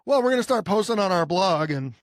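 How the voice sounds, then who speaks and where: This American podcast co-host, who owns a marketing agency, speaks expressively and quickly in a voice that sits high. The clean studio recording has no room sound. Chatting casually, he poses rhetorical questions and voices imagined clients.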